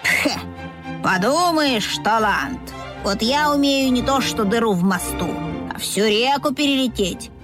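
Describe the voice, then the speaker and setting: A woman's voice: fairly high pitch, normal speed, music in the background, close to an everyday voice. A woman voicing a scornful, haughty female crow in a children's story, speaking with contempt. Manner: contemptuous, sniffing.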